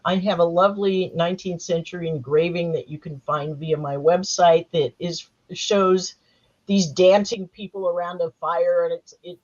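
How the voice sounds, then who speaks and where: A woman with a slightly hoarse voice from a cold, leading a panel discussion in a chatty, wry lecturing manner. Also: fairly low pitch, muffled recording. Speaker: panel moderator and Halloween historian. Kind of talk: panel discussion on a live stream.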